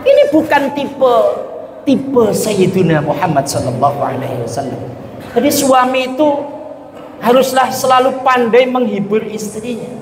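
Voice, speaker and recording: Male preacher, high voice, playful and joking with the crowd, long echoing reverb, faint ambience. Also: animated, measured pace, a little hiss or hum. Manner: joking, playful, often asks the crowd to agree. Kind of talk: humorous sermon to a crowd.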